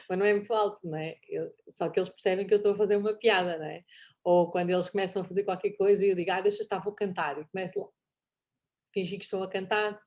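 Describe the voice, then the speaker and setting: Talking fast in a mid-range voice, a middle-aged woman with a European Portuguese accent joins an online talk session as a guest for a casual conversation. She laughs a lot, stays animated, and performs snippets of dialogue as she quotes them.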